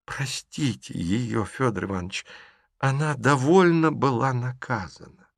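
A man's voice: mid-range voice, a little slow, gravelly, no echo, clean studio sound, voice pushed up. A man voicing a fussy, tearful middle-aged gentry lady who pleads theatrically in an audiobook. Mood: pleading. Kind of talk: audiobook character reading.

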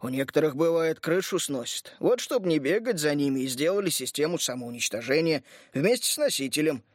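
A man reading an audiobook, voicing a gruff, hot-tempered army captain who talks bluntly. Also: fairly high pitch, animated, a little fast, no echo, clean studio sound.

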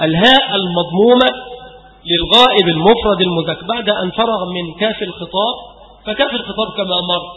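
A man's voice: high-pitched, quick pace, highs cut off. A man giving a grammar lesson as a teacher, asking questions and answering them himself while drilling example words. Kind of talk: lecture explaining grammar. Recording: echoey hall with long reverb.

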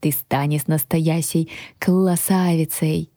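A woman reading an audiobook, voicing a bossy, grumpy male dragon guardian who speaks slowly. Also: fairly low pitch, warm tone, dry recording, studio quality. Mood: dreamy.

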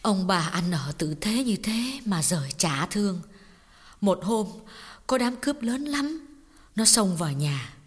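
A woman voicing a grieving mother in an audiobook. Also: fairly high pitch. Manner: tearful, halting storytelling with repeated words. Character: grieving middle-aged mother recounting a family tragedy. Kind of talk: audiobook drama reading. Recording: long reverb with background music.

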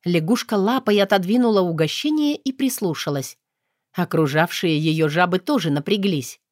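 Female audiobook narrator, expressive storytelling, dry close sound. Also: lowish voice, moderate pace, dry recording.

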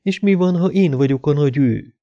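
A man voicing an affected, flirtatious woman at a bar who talks in a slow drawl. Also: on the high side, lively intonation, dark tone, lo-fi sound, voice pushed up. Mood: flirty.

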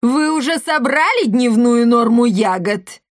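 A big, bossy commandant woman shouts and scolds the children in a raised, harsh voice, as a woman reader puts her on. It is a storybook reading with a dry, close sound. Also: a little high, expressive, a little slow, no echo, pitched above the performer's own voice. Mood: scolding.

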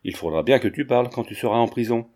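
A man voicing a gruff, bullying middle-aged customs officer in a storybook reading. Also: mid-range voice, quick pace, a little mellow, lightly acted. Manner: brusque, bullying.

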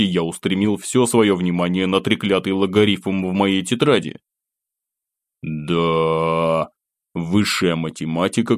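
A man reading a first-person audiobook in a calm, wry storytelling manner. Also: low voice, dry recording. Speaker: audiobook narrator.

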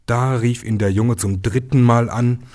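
A man reading a fairy tale aloud, dropping to a hush in the eerie parts. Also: medium pitch, steady tone, a little slow. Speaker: storyteller.

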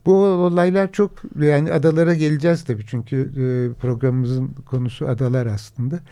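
Gravelly, mellow-voiced male radio co-host. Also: medium pitch, fairly even intonation, fairly quick. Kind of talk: radio talk show interview. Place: radio studio.

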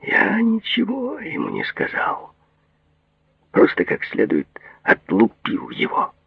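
Man doing a paranoid businessman, jumpy, whispery then shrill, gravelly, tinny audio. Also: very animated, normal speed, no room sound, full character voice. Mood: boastful. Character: paranoid, excitable middle-aged businessman patient. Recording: thin phone-like audio.

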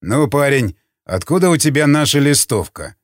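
A man's voice: medium pitch, big pitch swings, normal speed, no room sound, clean studio sound, natural voice. A man voicing a sly one-eyed male interrogator who mocks and barks his questions. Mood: interrogating. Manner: mocking, barking.

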